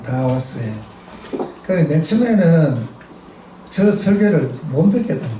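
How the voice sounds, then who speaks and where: Gyeongsang-accented preacher in echoey church. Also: male voice, fairly high pitch, dark tone, a little hiss or hum. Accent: Gyeongsang dialect Korean. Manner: chatty, storytelling, asks the congregation for responses. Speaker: missionary preacher. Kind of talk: sermon with humorous stories. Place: church sanctuary. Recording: echoey church hall, distant mic.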